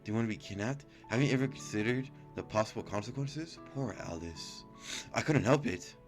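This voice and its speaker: A man with a mid-range voice reads game text a little fast while faint music plays behind him. Like a gaming YouTuber, he stumbles, corrects himself, and reacts casually.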